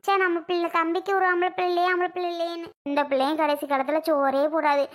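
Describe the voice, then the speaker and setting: A woman's voice: very high voice, level tone, fast. A woman voicing a fussy, complaining older aunt in a home-made cartoon, who nags and laments. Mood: worried. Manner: lamenting, nagging.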